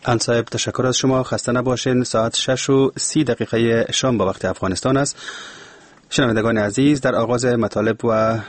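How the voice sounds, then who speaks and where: A man hosting a radio news program, announcing in a formal, measured way. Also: mid-range voice, steady tone, dry recording. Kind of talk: scripted radio presenting. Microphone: studio mic.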